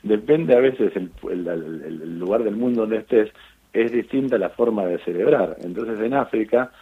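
Over a tinny phone-line recording, a middle-aged eye surgeon from Argentina recounts his charity missions in a relaxed interview, telling lively stories with frequent fillers and restarts. He speaks Argentine Spanish-accented, at a moderate pace, in a slightly rough, lowish voice.

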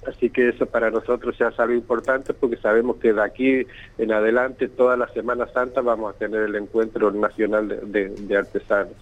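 A man's voice: lowish voice, little pitch movement, brisk. Man over a bad phone line. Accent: Santiago del Estero Argentine Spanish. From Santiago del Estero, Argentina. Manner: hesitant, repeats words often. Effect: bad phone connection. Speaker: event organizer. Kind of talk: phone-in radio interview. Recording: tinny, choppy phone line.

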